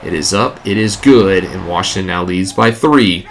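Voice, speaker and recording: A gaming YouTuber with a stuffy, congested voice gives excitable play-by-play over a video game, rising on big plays before recapping the week. His voice is deep, his pace moderate, with a little hiss or hum.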